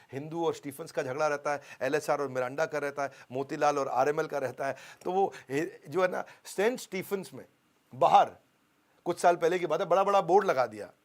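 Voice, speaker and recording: A man giving a motivational business seminar, emphatic, repeating key phrases and having the audience finish his lines. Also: a little high. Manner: call-and-response, has the audience finish lines. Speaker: business coach.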